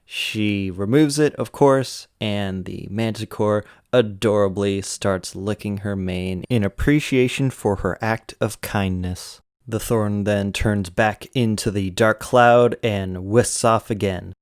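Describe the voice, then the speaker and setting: A man hosts a retrospective with scripted narration and commentary. His voice is on the low side and smooth, with clean delivery. The recording is close and dry, with no room sound. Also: takes it slowly, hardly any pauses, no echo. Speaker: host of a cartoon episode retrospective.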